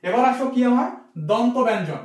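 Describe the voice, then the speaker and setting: A young man from Bangladesh with a high voice tutors admission-test students, repeating each term and quizzing them. He sounds far from the mic, and a strong room echo hangs on every word. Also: animated, fairly quick. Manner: repetitive, quizzing, asks "ঠিক আছে?" often. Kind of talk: spoken grammar lesson. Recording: echoey room, distant from mic.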